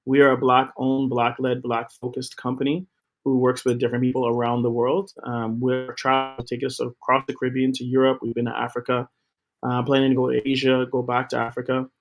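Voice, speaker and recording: A man's voice: medium pitch, completely flat delivery, a little fast. A middle-aged man talks about his work as an interview guest in an upbeat, promotional way, with a few fillers along the way. His voice sits in a mid-range register. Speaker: guest, TV co-founder. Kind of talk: interview talk.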